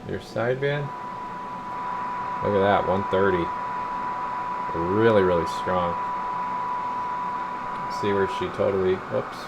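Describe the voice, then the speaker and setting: Slow and low, with vocal fry and long pauses, this man speaks over a very noisy background. He is a repair technician presenting a bench test video in an indoor radio repair workshop, informal and folksy, occasionally muttering to himself while he works.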